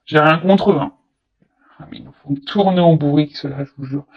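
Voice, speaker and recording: A woman's voice: sits low, a little fast, husky, dull audio. Hesitant chatty woman reading tarot cards. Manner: hesitant, full of fillers and restarts, chatty and teasing. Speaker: tarot card reader. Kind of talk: casual tarot reading to viewers.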